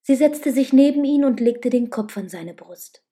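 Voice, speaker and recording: A woman reading a novel aloud as calm, slow audiobook narration, at times dropping to a whisper. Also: sits high.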